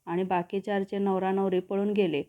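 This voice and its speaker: Calm patient young man read by a woman, reassuring, tinny phone-like sound. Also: mid-range voice, moderate pace, lightly acted. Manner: patient, defending others.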